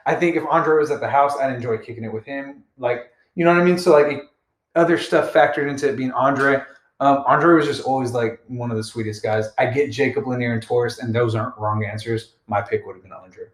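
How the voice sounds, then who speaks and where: A man's voice: mid-range voice, fairly quick, echoey room. A young man hosting a podcast, chatting casually and playfully with lots of fillers. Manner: rambling, filler-heavy, playful. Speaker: podcast host. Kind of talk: casual chat.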